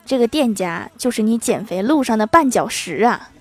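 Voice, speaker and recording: Woman host, fairly high voice, reads out jokes and listener comments, playful teasing asides. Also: animated, moderate pace, slight background noise. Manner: playful, teasing asides after each joke. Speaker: podcast host.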